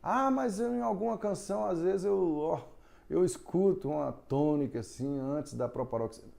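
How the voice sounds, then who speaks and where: Guy teaching phonetics, gravelly mellow voice, asks himself questions and answers them. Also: high-pitched, normal speed. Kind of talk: recorded grammar lesson.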